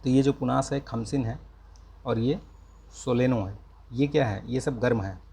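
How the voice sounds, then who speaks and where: A man gives a relaxed exam-prep lesson at a slow, careful pace, stopping often to check the listener is keeping up. His voice is gravelly and a little husky, with a mellow tone. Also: medium pitch. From India. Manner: slow, careful speech with repeated check-ins. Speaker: exam coaching teacher. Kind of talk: casual exam-prep lecture.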